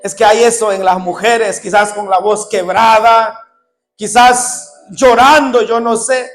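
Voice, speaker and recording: A man's voice: high voice, steady tone, slow pace, fairly bright tone, faint music behind. A male preacher retelling a scripture story in a sermon and speaking directly to his congregation.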